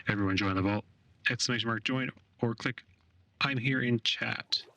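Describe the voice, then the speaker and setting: Man, game streamer, voice changer effect, casual, mid-pitched, dry sound. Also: normal speed, bright, forceful tone, dry recording, far from the mic. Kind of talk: casual live-stream chat with viewers.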